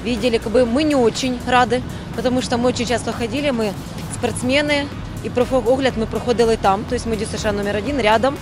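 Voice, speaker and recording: A middle-aged woman on a city street explains her view at a quick, chatty clip. Her voice is slightly high, and she speaks into a handheld reporter's mic. Music runs clearly under her. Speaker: passer-by in street interview. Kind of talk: street vox pop answer.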